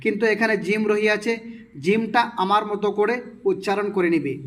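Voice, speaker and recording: A man's voice: high-pitched, steady tone. A man teaching Quran reading, spelling out letters and vowel marks syllable by syllable with short explanations, in a Bangladeshi Bengali accent. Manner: drawn-out syllable-by-syllable spelling with instructions. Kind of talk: slow spelled-out recitation lesson.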